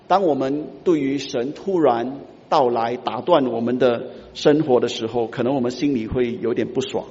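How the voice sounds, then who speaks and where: A man preaching a sermon, moving between soft asides and loud, emphatic outcries. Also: mid-range voice. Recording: roomy reverb, muffled sound.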